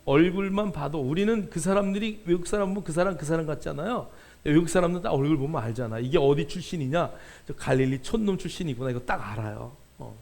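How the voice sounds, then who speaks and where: A man with a notably high, gravelly voice delivers a sermon as pastor. He talks to the congregation like a chat, dotted with filler sounds, slowing right down to stretch key words. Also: darkish tone. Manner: conversational preaching with many fillers and drawn-out emphasis.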